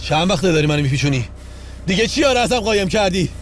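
An actor playing a jealous, possessive husband who argues in a heated, accusing way. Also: male voice, high-pitched, expressive, a little hiss or hum. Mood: angry.

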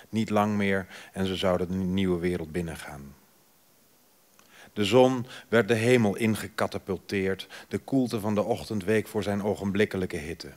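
Brief: low male reader, unhurried literary narration, phrases fading soft at the end, live theatre stage. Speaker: writer reading at a festival. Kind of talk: literary reading at a festival. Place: theatre stage before an audience.

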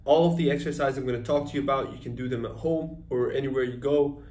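Talking fast in a steady, mid-range voice with a darkish tone, a twenty-something fitness coach guides a home workout. He's upbeat and direct, keeps checking in with "okay?" and "all right?", and the floor camera captures an echoey tiled room with faint ambience.

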